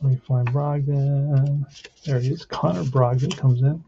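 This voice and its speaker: A man's voice: medium pitch, fairly even intonation, unhurried, gravelly, dark tone. A man giving casual play-by-play of a tabletop baseball game, thinking aloud as he plays. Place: indoors at a tabletop. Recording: muffled lo-fi, faint noise with clicks.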